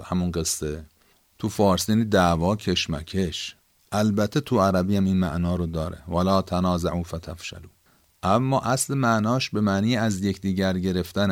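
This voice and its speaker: Speaking low in a dry, clean studio recording, a man with an Iranian Persian accent explains the meanings of words in a Quran lesson. His style is conversational, and he restates key points along the way.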